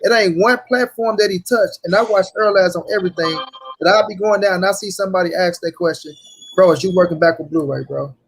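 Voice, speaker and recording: Earnest high-voiced male stream host. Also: quick pace, creaky, slightly rough. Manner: earnest, swears oaths, reads viewer questions. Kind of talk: casual chat.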